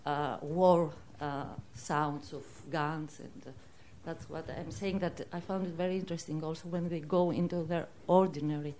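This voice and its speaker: A woman's voice: low-pitched, fairly even intonation, moderate pace, hardly any pauses, dark tone, a little hiss or hum. A woman in the audience making a hesitant comment, often searching for words. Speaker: audience member. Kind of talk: spontaneous comment.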